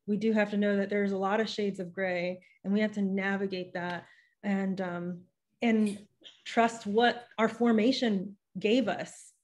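Speaking unhurriedly at a medium pitch, a young woman appears as a podcast guest over video call. She sits in a home room with a bookshelf and patterned wall hanging, a boom-mounted studio mic in front of her, and talks thoughtfully through a casual interview, restarting often and moving her hands expressively.

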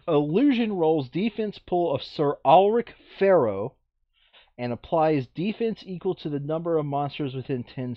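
Playing a tabletop game online, a man with a fairly high voice moves between casual chat and reading scenario text aloud. The recording is dry, and the highs are cut off.

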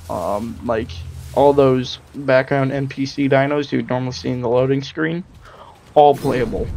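A man with a lisp and slushy s sounds, giving casual, jokey, sweary commentary while playing a game. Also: mid-range voice. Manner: animated, exclaiming, sweary, jokey. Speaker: gaming video host.

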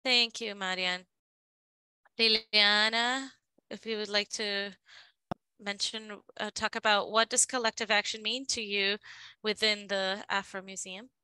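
Halting woman interpreting a panel, bright. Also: medium pitch, fairly even intonation, a little hiss or hum, low-quality recording. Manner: halting, with frequent restarts.

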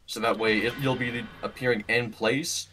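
A man's voice: mid-range voice, fairly even intonation, normal speed, recorded from a distance, noisy background. A man explaining combat mechanics to friends over voice chat in a casual, joking way, swearing freely.

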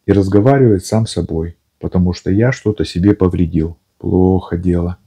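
A slow, good-natured little bear muses aloud in a low voice, as a male audiobook reader gives him life. He thinks out loud in a dark, mellow tone with a husky edge. The manner is unhurried and simple. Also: heavily acted. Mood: musing. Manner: slow, musing, talks to himself. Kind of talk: audiobook character voice.

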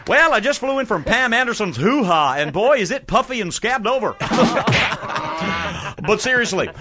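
A corny borscht belt stand-up comic, acted by a man, with a high voice that swoops around. He delivers hammy old-school one-liners and chuckles at his own gags. The live club-style recording is plainly noisy. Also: expressive, moderate pace. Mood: hammy, gleeful. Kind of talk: stand-up comedy routine.

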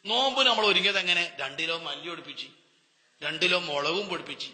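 Bright-voiced preacher in an echoing hall. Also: male voice, a little high, quick pace. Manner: dramatic storytelling with rhetorical questions and answers. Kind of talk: Ramadan sermon. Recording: long hall reverb.

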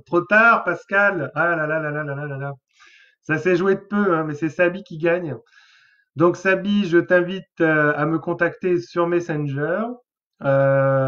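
A man's voice: on the high side, lo-fi sound. A man, a therapist hosting a live webinar, talking casually with many hesitations. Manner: chatty, hesitant with many fillers.

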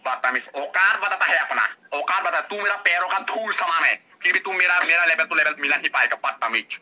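A man's voice: a little high, brisk, noisy background. A man ranting insults in a heated online live argument, repeating the same lines again and again. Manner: repetitive insulting rant. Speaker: live-stream participant.

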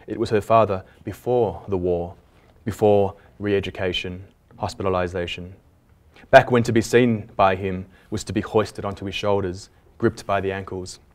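A man, the author, reading his own literary fiction aloud in a measured, deliberate way at a public library event. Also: lowish voice, darkish tone.

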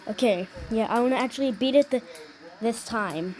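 A woman giving gameplay commentary in a hushed, half-whispered voice. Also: a little high, normal speed, loud music behind the voice, rough recording. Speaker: gamer.

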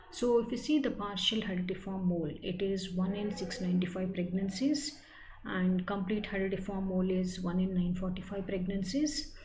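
A middle-aged woman giving an online medical lecture, explaining in measured phrases as a professor. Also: medium pitch, darkish tone. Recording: echoey room with clear background noise.

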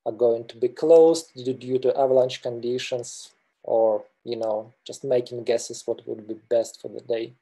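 Over a webcam on a video call, a middle-aged Russian man who works as a mountain guide presents slides for a webinar. He speaks hesitantly, filling his talk with pauses, and his voice is medium in pitch with a warm tone.

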